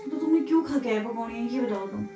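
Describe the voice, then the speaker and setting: A woman's voice: a little high, fast talker, muffled recording, music in the background. A woman talking casually at home as a wife and mother, scolding and coaxing in exasperation. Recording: distant mic, echoey room, loud background noise.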